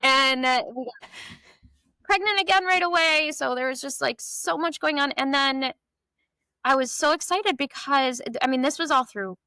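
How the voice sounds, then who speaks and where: Woman guest rambling thru her story, high bright voice, dry close sound. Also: moderate pace, no echo, poor audio. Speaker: podcast guest. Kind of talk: personal story in conversation.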